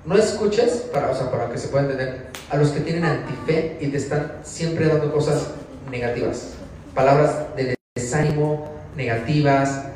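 A Mexican man with a high voice gives a casual sermon, talking to the people in front of him and asking them questions. He is heard from a distance in a very echoey church hall, with faint room noise behind him. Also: normal speed, a little mellow. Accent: Mexican Spanish. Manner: conversational, asks the congregation questions. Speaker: preacher. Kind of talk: informal sermon.

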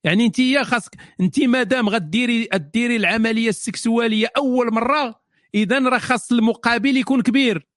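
A man's voice: very high voice, a bit bright, dry recording, clean studio sound. A man with a Moroccan accent hosting a solo question-and-answer show, delivering a sarcastic, mocking monologue. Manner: sarcastic, mocking, rapid-fire. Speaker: host answering viewer questions.

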